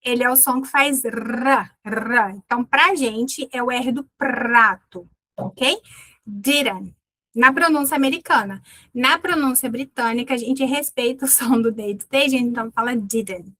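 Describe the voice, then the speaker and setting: A Brazilian woman with a high, bright-pitched voice teaches English in a playful, lively way. She slows right down to drill each word. The recording is close and dry, with no room sound. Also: dry recording. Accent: Brazilian Portuguese. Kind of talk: online class lesson.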